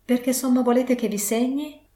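A woman voicing a polite, formal gentleman collecting for charity in an audiobook, measured and courteous. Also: on the high side, voice pushed up, close to an everyday voice. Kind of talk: audiobook reading. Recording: roomy echo.

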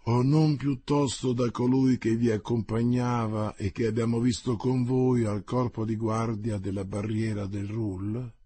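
A coolly insulting nobleman, voiced by a man reading aloud speaks with slow, cutting courtesy. The voice is dark and husky, dry and close. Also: lowish voice, lively intonation, no room sound, full character voice. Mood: cold, courteous.

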